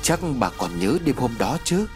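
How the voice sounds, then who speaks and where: A man's voice: mid-range voice, sing-song, moderate pace, a little mellow, faint music behind, close to an everyday voice. A man voicing a vengeful young man who coldly mocks his enemies in a told story. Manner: cold, mocking.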